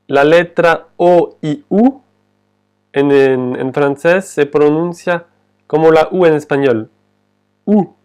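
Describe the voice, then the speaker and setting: Man, French teacher, slow careful delivery, smooth resonant voice, repeats words for learners. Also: fairly high pitch, darkish tone. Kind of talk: slow, patient language lesson.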